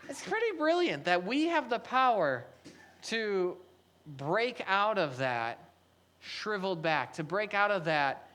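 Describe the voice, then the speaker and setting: A pastor delivering a sermon with a mid-pitched voice, pressing the point through repeated phrases and rhetorical questions. The delivery drops soft and low, then climbs into raised, emphatic bursts. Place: church service.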